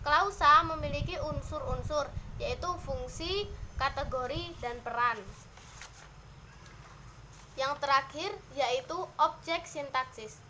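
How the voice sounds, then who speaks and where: A young woman, a student, presenting a lesson on grammar in a measured, list-like way with a few hesitations. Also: high-pitched, pushed and bright, slight background noise, low-quality recording. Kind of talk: class presentation on syntax.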